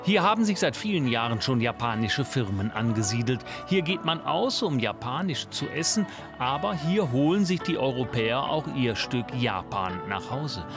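A man reading a scripted TV news report as a smooth, measured voice-over. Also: medium pitch, big pitch swings, over music.

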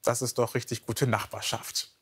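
A man presenting regional news in a lively, chatty scripted style. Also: medium pitch, normal speed. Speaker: news anchor.

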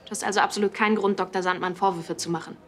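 Actress as a fast-talking, ambitious female trainee doctor. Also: mid-range voice, steady tone, a little hiss or hum, lightly acted. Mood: firm. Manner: assertive, businesslike. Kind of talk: naturalistic TV drama acting.

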